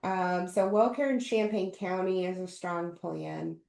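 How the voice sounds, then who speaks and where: A woman's voice: lowish voice, measured pace, creaky, a little mellow, roomy sound. A woman insurance agent from central Illinois, chatting casually and explaining plan benefits in detail with plenty of fillers. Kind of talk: casual phone chat about plans.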